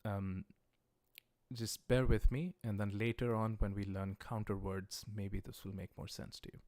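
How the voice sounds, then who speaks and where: In a flat, slightly mellow, fairly low voice, a patient English-speaking man leads a livestreamed lesson on Japanese dates. He explains step by step, reads viewers' questions aloud, and takes Japanese pronunciations slowly and carefully. There's no echo.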